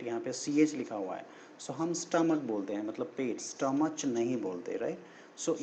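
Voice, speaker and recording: Male English teacher, explains step by step, spells out sounds letter by letter, mid-pitched voice, faint background hiss. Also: darkish tone. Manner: explains step by step, often checks with "right?" and "okay?". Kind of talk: spoken English lesson.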